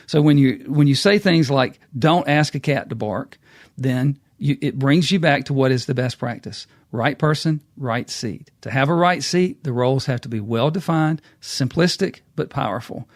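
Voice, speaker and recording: A man's voice: on the high side, dry recording, clean studio sound. A middle-aged man, hosting a casual business talk and acting out quotes as a folksy storyteller. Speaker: podcast host.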